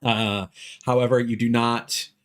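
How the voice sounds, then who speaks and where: A man narrates his video game stream in a medium-pitched, flat voice at a slightly slow pace. Game music runs behind his casual, rambling explanations, which tend to trail off before he finishes an idea.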